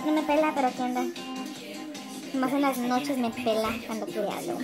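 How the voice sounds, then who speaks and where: A young Mexican woman vlogging at home in a high, bright-pitched voice. She chats lively and informally to her followers. Her talk stays casual and conversational. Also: moderate pace, over loud music. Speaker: vlogger and mother. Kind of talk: casual vlog chat.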